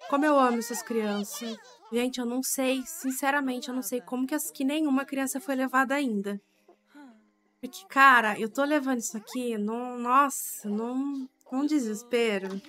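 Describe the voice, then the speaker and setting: A woman's voice: high voice, moderate pace, bright, forceful tone. A young woman giving chatty, exclamation-filled commentary while playing a life-simulation game and talking to her viewers. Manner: chatty, exclaiming, talks to the audience as "gente". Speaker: gaming streamer. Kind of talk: casual let's-play commentary.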